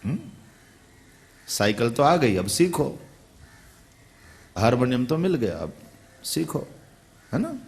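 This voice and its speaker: Slow, conversational male preacher. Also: mid-range voice, very animated, vocal fry. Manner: unhurried, conversational, asks listeners questions. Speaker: spiritual preacher. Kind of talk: devotional sermon.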